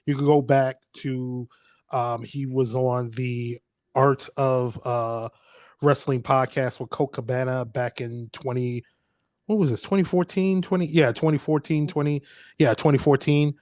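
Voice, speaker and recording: A man's voice: medium pitch, steady tone, a little slow, a little mellow, no room sound. A man, hosting a casual podcast chat, rambling, laughing often and swearing freely. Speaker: podcast host.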